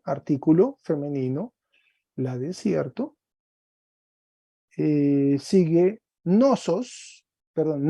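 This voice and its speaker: A man teaching a Greek class online, explaining slowly step by step and often checking with "¿cierto?". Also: on the high side, mellow, dry recording.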